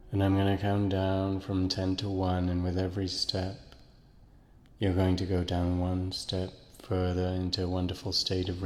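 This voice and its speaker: Man, hypnotist, very deep voice, monotone, long reverb, slow soothing induction. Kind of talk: guided hypnosis relaxation script.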